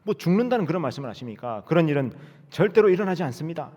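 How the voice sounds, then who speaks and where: A man putting on a brash, boastful disciple, loud and indignant. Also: fairly high pitch, sing-song, rapid-fire, in a large hall, lo-fi sound, pitched above the performer's own voice. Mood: indignant protest. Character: impetuous boastful male disciple, protesting.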